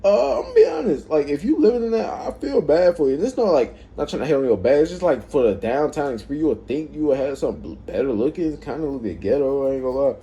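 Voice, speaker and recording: Mellow-voiced man venting casually. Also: a little high, sing-song, fast, hardly any pauses, muffled recording. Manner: rambling, profane, frustrated. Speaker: vlogger, former delivery driver.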